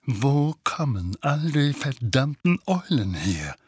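A man's voice: mid-range voice, lively intonation, takes it slowly, gravelly, a bit bright, breathy edge, no echo, clean studio sound, exaggerated voice. A man playing an enraged, bullying middle-aged uncle who bellows and snarls in an audiobook reading. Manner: bellowing, spitting rage.

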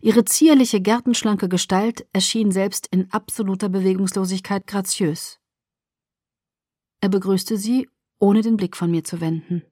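A woman's voice: medium pitch, steady tone, a little slow, mellow, no echo, clean studio sound. Woman narrating an audiobook. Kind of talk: first-person scripted narration.

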